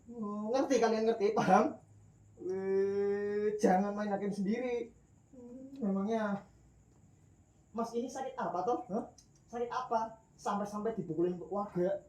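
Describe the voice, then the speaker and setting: A man's voice: high voice, measured pace, darkish tone. A man playing a pompous village head. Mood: self-important. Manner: self-important, lecturing. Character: pompous middle-aged male village head. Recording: roomy echo with faint music.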